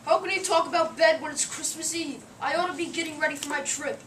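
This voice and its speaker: A cranky old Santa Claus with a cold, read by a woman, blustering and indignant. The high voice sits far from the mic in an echoey room, with noise behind it. It is an amateur play reading. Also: steady tone, fast talker, a bit bright. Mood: grumpy.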